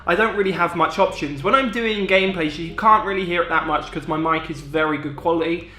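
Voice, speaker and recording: A man's voice: on the high side, a little fast, sharp tone. A British man in his twenties chatting informally as a gaming vlogger, explaining things casually in a very echoey room at home. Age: 20s. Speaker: gaming video creator. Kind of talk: casual vlog chat. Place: echoey room in parents' house. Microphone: on-camera shotgun mic.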